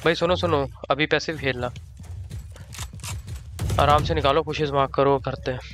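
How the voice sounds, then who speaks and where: A man's voice: on the high side, fairly even intonation, normal speed, fairly bright tone, faint music behind. A man streaming a shooter game, urgently calling plays and pleading with his team to play carefully. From India. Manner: urgent, bossy, pleading with teammates. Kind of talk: casual team callouts while gaming.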